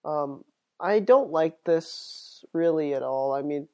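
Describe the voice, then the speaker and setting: A man with a slightly high, darkish voice speaks slowly while hosting his own sports podcast. He's sick and sniffly, and he chats casually and rambles, full of fillers and restarts.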